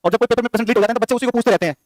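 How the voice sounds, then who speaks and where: A male teacher lectures a class at a very fast clip, his voice pitched high. He keeps firing the same questions back at the students. The sound is close and dry. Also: dry recording, soft background music. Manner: rapid, repetitive quizzing of students. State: short on sleep.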